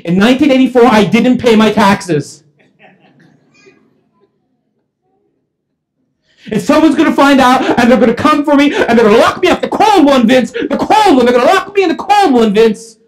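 A pastor acting out a frantic, paranoid man who pleads and rushes as he confesses to police. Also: high voice, very animated, dark tone, low-quality recording. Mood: panicked.

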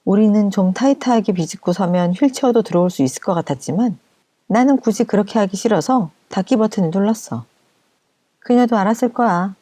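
A woman with a warm, mid-pitched voice tells a first-person story in a steady, conversational manner. Her voice is dry and close to the mic. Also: no echo. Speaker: story narrator.

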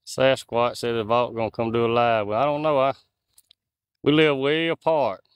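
Strolling the night woods with his phone on a handheld gimbal, this outdoors livestreamer in his 40s chats with his audience in a folksy way and reads out their comments. His mid-range voice is smooth, with fairly even intonation and normal speed. The recording is dry.

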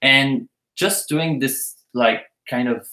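A man's voice: mid-range voice, slow, bright, forceful tone, reverberant, rough recording. A man casually telling the story of how he met his partner, chatty and playful. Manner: chatty, playful, laughs often. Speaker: co-host telling their story.

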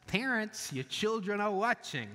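A man preaching a church sermon in an earnest way, then leading a quiet prayer. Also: sits high, very animated, measured pace, in a large hall. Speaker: pastor. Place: church sanctuary.

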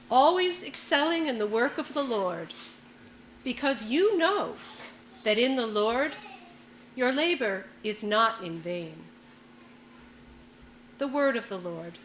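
A middle-aged woman reading scripture solemnly as lector, in short deliberate phrases, at a church lectern with echo. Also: on the high side. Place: stone church interior. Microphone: gooseneck microphone at lectern. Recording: echoing church, faint background noise.

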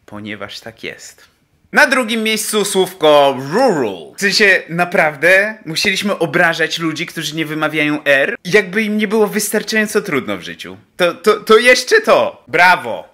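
A man's voice: on the high side, sing-song, moderate pace, sharp tone. A young man who teaches English, ranting in a sarcastic, mock-outraged way, recorded outdoors in an empty spot. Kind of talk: comic rant to camera.

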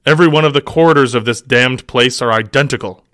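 A man voicing a proud, gruff male barbarian warrior from a fantasy novel, with a blustering delivery. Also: mid-range voice, quick pace, fairly bright tone, no room sound, studio quality, close to an everyday voice.

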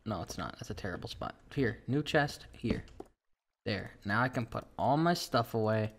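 A man's voice: fairly low pitch, normal speed, slight background noise. Man swearing through a game. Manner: swears a lot, panics then talks himself calm. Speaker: gaming channel host. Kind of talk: casual let's-play commentary.

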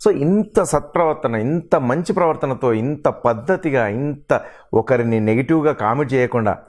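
An expressive, slightly mellow medium-pitched voice at a moderate pace belongs to a middle-aged mimicry performer and actor. With earnest, aggrieved feeling, he spends much of this emotional interview enumerating the roles he has taken on.

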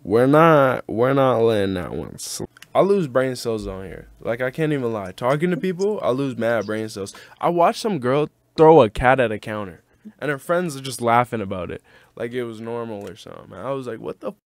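A man's voice: mid-range voice, expressive, normal speed, dry recording. Young man teasing strangers on video chat. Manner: teasing, joking, roasting strangers. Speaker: streamer host. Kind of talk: casual video chat banter. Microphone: desk microphone.

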